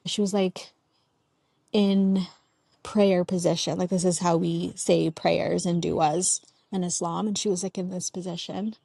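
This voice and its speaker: A woman's voice: on the low side, level tone, unhurried, vocal fry, dark tone, breathy edge, no room sound. A young woman speaks in a loose, chatty way, recounting family memories as an interview guest. Her talk is full of "like" fillers and restarts. The recording is dry and close, with no room sound. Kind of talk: casual storytelling interview.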